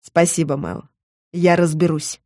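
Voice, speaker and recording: A woman doing a cold, quiet male captain. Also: monotone, normal speed, dry recording, studio quality, lightly acted. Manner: low, hushed, icy.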